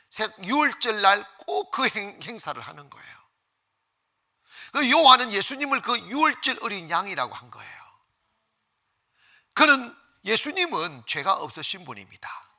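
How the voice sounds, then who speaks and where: Fervent, bright-voiced Korean preacher. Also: male voice, high voice, creaky. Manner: fervent preaching, leads congregation in call-and-response. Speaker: pastor. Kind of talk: Sunday sermon.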